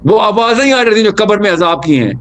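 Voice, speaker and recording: A man giving an animated religious talk, telling stories and mixing in English terms. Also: high-pitched. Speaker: Islamic speaker.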